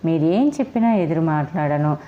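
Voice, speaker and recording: A woman's voice: low-pitched, expressive, normal speed. A woman reading as a remorseful young wife pleading. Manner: earnest, apologetic pleading. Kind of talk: storybook reading. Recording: dull lo-fi recording.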